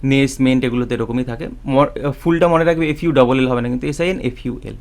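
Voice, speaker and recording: A male teacher talks through a grammar lesson at a middle pitch. He speaks patiently and spells words out letter by letter. He keeps checking in with his students as he goes. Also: racing, vocal fry, darkish tone. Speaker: English teacher.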